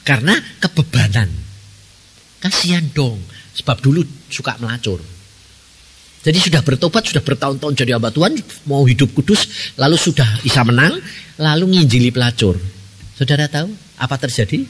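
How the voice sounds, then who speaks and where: A middle-aged man with a Javanese accent preaching a sermon, telling stories in a lively way and often asking the congregation questions. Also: medium pitch, a little fast, breathy edge. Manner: animated storytelling, asks the congregation questions. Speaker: evangelist preacher. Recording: reverberant church hall.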